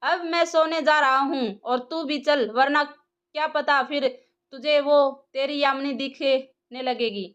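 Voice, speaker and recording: A woman's voice: sits high, slow pace, fairly bright tone, highs cut off. A woman voicing a casual, teasing young man talking to his friend in an audio story.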